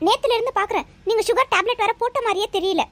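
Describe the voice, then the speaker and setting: A woman's voice: extremely high pitch, fast, fairly bright tone, no echo. Woman voicing a nagging cartoon son. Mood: exasperated. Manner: lecturing, nagging. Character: dutiful grown son, lecturing and exasperated. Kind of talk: cartoon voice acting.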